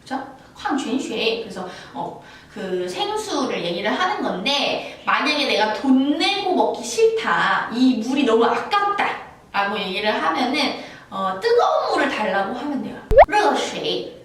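Lively woman teaching phrases, bit high, voice bouncing around, roomy far-off sound w/ faint hum. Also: a little slow. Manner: chatty, playful, acts out little scenes with laughs. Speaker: Chinese language teacher. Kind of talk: casual language lesson. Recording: roomy, from a distance, faint background noise.

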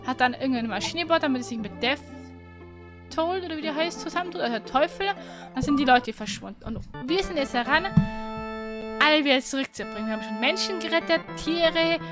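A high-pitched, animated woman co-hosts a gaming livestream, talking briskly with game music playing behind her. Her casual, chatty delivery covers both banter and a game recap.

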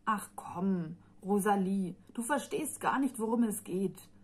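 A woman voicing a moody, proud young girl who grumbles and talks down to others, in a slow, breathy reading. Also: mid-range voice. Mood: sulky. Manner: grumbling, condescending.

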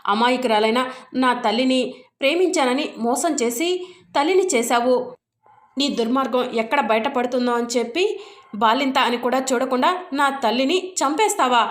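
A young woman driven by a fierce grudge against the man who wronged her mother, voiced by a woman narrator in a high, plain reading voice. The room adds a ringing echo. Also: normal speed, close to an everyday voice. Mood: angry. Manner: reads the lines in her own narrating voice. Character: furious young woman seeking revenge.

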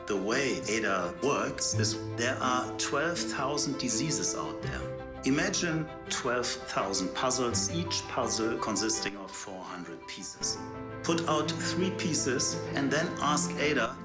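A woman narrating a promotional video in a slow, deliberate, scripted way. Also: a bass voice, animated. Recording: echoey venue playback with loud music.

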